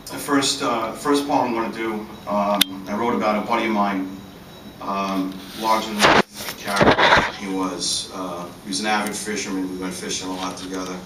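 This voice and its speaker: Low-voiced man reading poems in an echoey hall. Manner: halting, filler-heavy asides between measured recited verses. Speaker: poet reading his work. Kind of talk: live poetry reading with spoken introductions. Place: large public atrium. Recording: echoey hall, distant, faint rumble.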